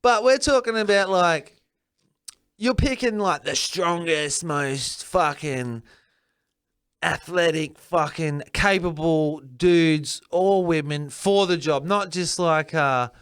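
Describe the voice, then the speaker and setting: A young man speaks in a high, smooth voice. He cuts in bluntly and swears freely in loose podcast banter, with a resonant tone. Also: a bit bright, no room sound, clean studio sound. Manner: blunt, sweary, quick interjections. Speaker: podcast co-host. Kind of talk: casual banter.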